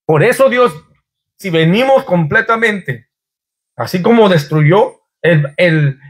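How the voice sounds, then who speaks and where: A man's voice: sits high, lively intonation, slow, slightly rough. A man, a pastor, preaching a sermon in a church, asking the congregation rising, pleading questions.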